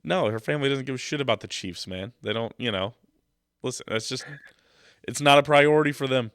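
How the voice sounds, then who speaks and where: A young man with a stuffy, cold-clogged nose hosts a casual sports podcast, rambling loosely and cracking jokes into his mic. His mid-range voice moves fairly quickly with a fairly bright tone. The recording is dry and clean, studio-quality.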